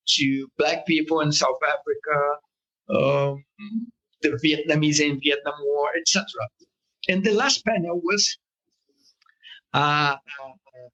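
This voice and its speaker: A man with a Brazilian Portuguese accent speaks as an interview guest, talking haltingly, with many fillers and restarts. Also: a little high, pushed and bright, rough recording. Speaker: political cartoonist, guest. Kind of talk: interview conversation.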